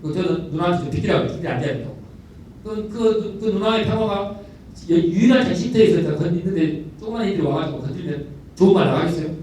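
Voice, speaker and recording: A middle-aged man, a school principal telling stories in a lecture, animated and repeating words for emphasis, recorded from a distant mic in a large lecture hall. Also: sits high, fast. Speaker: elementary school principal giving a talk. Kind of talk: storytelling lecture. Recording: echoey hall, distant mic, faint noise.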